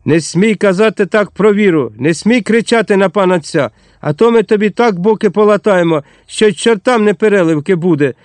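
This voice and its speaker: A man's voice: high-pitched, a little fast, no echo, pitched above the performer's own voice, close to an everyday voice. A man voicing a young village lad speaking with restrained, held-back anger, in an audiobook.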